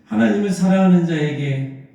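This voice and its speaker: A man's voice: high-pitched, normal speed, creaky, warm tone. A male pastor preaching a Sunday sermon in a church, telling the story and acting out the lines of the figures in it. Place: church sanctuary. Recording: echoey church hall.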